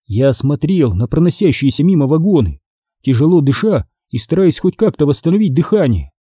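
Husky-voiced man narrating dramatically. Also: fairly high pitch, brisk, no room sound, studio quality. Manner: dramatic, lively storytelling. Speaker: audiobook reader. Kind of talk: expressive audiobook narration.

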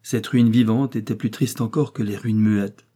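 A male audiobook narrator with a warm, mellow tone and a slightly husky edge. He reads old literary prose in a measured, steady way. His voice sits on the lower side. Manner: measured, even reading of nineteenth-century prose. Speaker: audiobook reader.

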